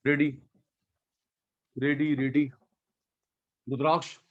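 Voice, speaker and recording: A man lectures a live class in a fairly high voice. He calls on students by name, swinging from loud calls to quiet asides. The classroom recording sounds dull and lo-fi. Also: little pitch movement, takes it slowly. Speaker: economics teacher.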